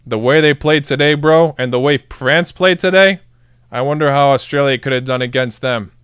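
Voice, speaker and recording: A man's voice: mid-range voice, moderate pace, a bit bright, smooth, no room sound, studio quality. A young man streaming a live football reaction, hyped up, cheering and talking to his chat. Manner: hyped, chants and cheers, addresses chat as guys. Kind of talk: excited live match reaction.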